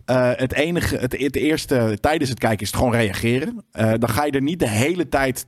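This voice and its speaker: A man's voice: medium pitch, lively intonation, brisk, no echo. Informal, swearing man, dry close sound. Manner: loose and informal, swears casually, restarts sentences often. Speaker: co-host of a gaming talk show. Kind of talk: casual chat.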